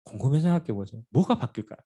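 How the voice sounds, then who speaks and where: A middle-aged man preaching a sermon in a church, swinging between loud bursts and hushed asides. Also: medium pitch, very fast. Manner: animated preaching with sudden loud and quiet swings. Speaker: pastor. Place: church sanctuary.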